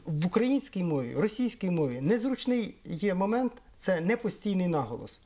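A middle-aged man from Ukraine explaining things in an interview, measured and pausing often on fillers. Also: high voice, big pitch swings, dark tone. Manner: measured, with frequent hesitations and fillers. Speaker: interviewee, Esperanto historian.

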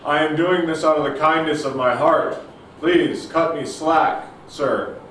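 A man's voice: fairly high pitch, fairly even intonation, unhurried, fairly bright tone. A young man playing a meek, oversized giant in a comedy sketch, pleading earnestly and respectfully. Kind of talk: amateur comedy sketch acting. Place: large indoor studio room with block walls. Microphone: distant camera microphone. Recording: very echoey, distant, noisy room sound.

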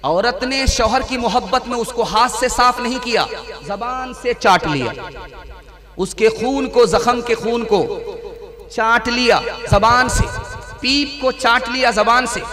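A man's voice: very high voice, unhurried, long reverb tail, crowd noise. A man preaching a religious sermon at a gathering, telling stories emphatically with dramatic swings in his voice. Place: large hall or tented gathering.

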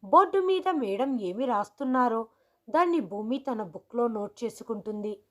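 A woman reading a scripted first-person story in a steady, measured way. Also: fairly high pitch.

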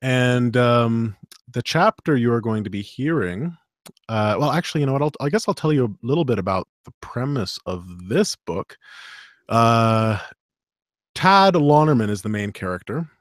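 A man's voice: medium pitch, animated, moderate pace, no room sound, studio quality. A man hosting a live show, chatting casually and animatedly with fillers and laughs. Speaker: host and audiobook narrator.

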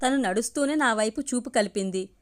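A woman telling a story aloud, reading it at an even pace. Her voice sits a little high. She does every part herself. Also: a little fast.

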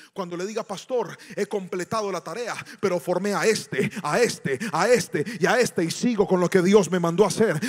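A Colombian pastor preaching to his congregation, with loud swells and sudden quiet asides. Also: sits high. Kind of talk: sermon. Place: church hall before a congregation.

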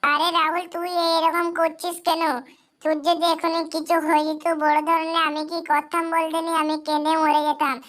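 A woman's voice: very high voice, completely flat delivery, normal speed, a bit bright, pitched above the performer's own voice. A woman voicing a worried, scolding mother in a game story. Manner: scolding, then pleading. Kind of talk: game story role-play.

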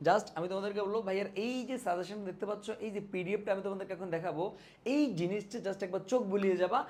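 A man's voice: high-pitched, racing, a little mellow, a little hiss or hum. A young man teaching a casual exam-prep lesson, chatty, speaking straight to his students and mixing in English words.

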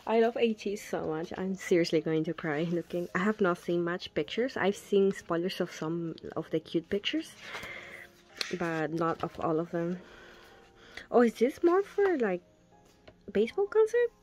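A woman's voice: fairly low pitch, expressive, unhurried. A young woman gushing through a photobook unboxing, gasping and whispering little asides as she looks at each picture. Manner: gushing, breathy gasps and soft whispered asides. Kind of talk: casual unboxing commentary.

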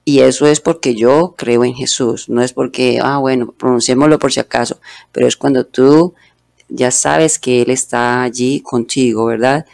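A man's voice: mid-range voice, fairly even intonation, moderate pace, vocal fry, darkish tone. A man whose first language is Spanish teaches English through a religious text, going word by word and repeating pronunciations. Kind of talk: bilingual religious English lesson.

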